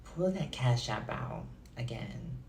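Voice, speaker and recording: Woman storyteller, low mellow voice, chatty and confiding, recorded in an echoey room. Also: animated, slow. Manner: chatty, confiding, addresses viewers directly. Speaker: storytime vlogger. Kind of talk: casual storytelling to viewers. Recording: echoey room with faint noise.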